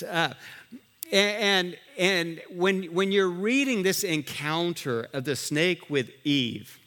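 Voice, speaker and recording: Male pastor, grew up in Liberia, bright forceful sermon voice, lively and chatty, long church-hall reverb. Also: high-pitched. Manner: animated preaching with restarts and asides.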